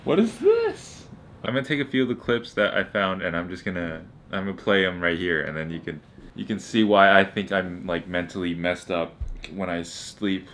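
Deep-voiced young man chatting casually. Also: a little fast, pushed and bright, slight background noise. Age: young adult. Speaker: vlogger. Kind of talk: casual vlog chat.

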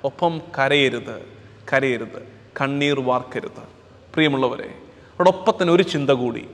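A man's voice: mid-range voice, a little slow, big-room sound. A man, a priest, gives an earnest Easter sermon, repeating key phrases and asking rhetorical questions.

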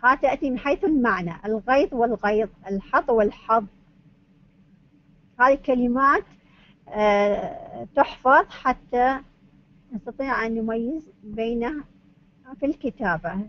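A woman's voice: fairly high pitch, normal speed, pauses often. Woman lecturing methodically. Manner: methodical, asks and answers her own questions. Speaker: university lecturer. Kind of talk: academic lecture on Arabic phonetics. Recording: dull lo-fi recording.

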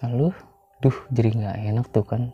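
A man's voice: mid-range voice, normal speed, mellow, slightly rough, dull audio. Chatty young man. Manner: chatty, addresses viewers as friends. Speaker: gaming YouTuber. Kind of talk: casual game commentary.

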